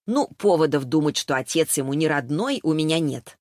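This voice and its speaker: A woman's voice: sits low, expressive, normal speed, darkish tone, no echo. A chatty woman friend with a wry, gossipy way of talking, as a woman reading the book puts her on. The sound is dry and close. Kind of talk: audiobook character voice.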